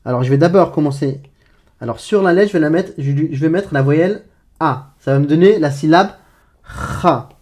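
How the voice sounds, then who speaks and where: A man with a mellow, dark-toned voice teaches an Arabic letter in a relaxed, chatty way. He talks straight to the viewer and often stops to correct himself. He slows down to repeat throaty sounds. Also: on the high side. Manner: demonstrates throaty sounds slowly and repeats them. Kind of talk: casual online language lesson.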